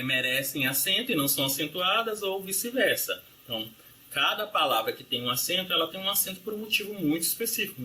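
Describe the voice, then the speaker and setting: Bright-voiced man teaching grammar. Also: on the high side. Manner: explanatory, frequent tag questions like "né?" and "ok?"; lists rules and word examples. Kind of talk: recorded grammar review lesson.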